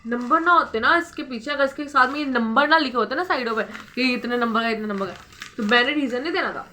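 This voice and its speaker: Young woman vlogger, high bright voice, lively casual storytelling. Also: quick pace, a little hiss or hum. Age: young adult. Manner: animated, mixes Hindi and English.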